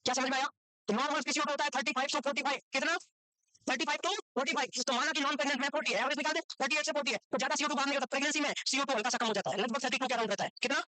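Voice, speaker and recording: A woman gives a medical lecture at a breakneck clip, tossing out question after question and repeating each answer. Her voice sits high and sounds sharp and bright. The recording is dry and close. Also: dry recording, rough recording. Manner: mixes English medical terms into Hindi. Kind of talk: Hindi medical lecture, quizzing students.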